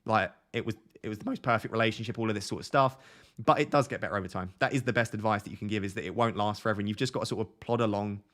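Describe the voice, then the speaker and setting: Rapid-fire delivery marks this lowish, fairly bright male voice. A fantasy football streamer in his twenties from Essex, softened accent and all, he answers viewers in casual live-stream chat, veering into tangents and restarts.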